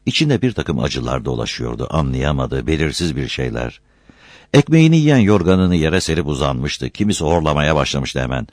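A deep-voiced man reads a novel aloud with a measured, storytelling delivery. His pitch moves lively across the phrases, and the recording is dry and close to the mic. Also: no echo. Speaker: audiobook narrator.

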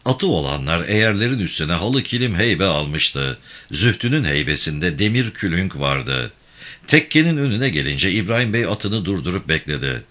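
A man with a deep voice reads a novel aloud in a measured, storytelling manner. His pitch moves in lively swings. His tone is bright and forceful. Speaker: audiobook narrator. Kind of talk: audiobook narration of a novel.

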